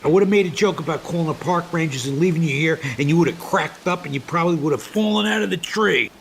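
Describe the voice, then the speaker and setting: In a naturalistic comedic radio play, an actor plays a stubborn, wounded, middle-aged dad who cracks jokes, sounding plaintive and insistent. His male voice is on the high side and fast, close to everyday speech, with a little hiss or hum.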